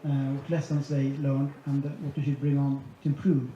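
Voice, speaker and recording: A conference speaker with a mid-range, mellow voice presents at normal speed with a completely flat delivery, working through his points methodically. The audio from the large hall is echoey and dull, with faint ambience and a little hiss or hum.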